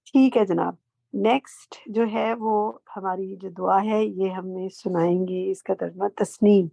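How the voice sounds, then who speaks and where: A woman teaching a Quran translation class online, calling on students and gently correcting their pronunciation. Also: medium pitch, fairly even intonation, gravelly, no echo.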